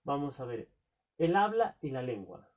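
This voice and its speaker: A man's voice: mid-range voice, very animated, a little mellow. A man teaching a recorded lesson, asking rhetorical questions and answering them himself, drawing out key words. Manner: drawn-out stressed key words.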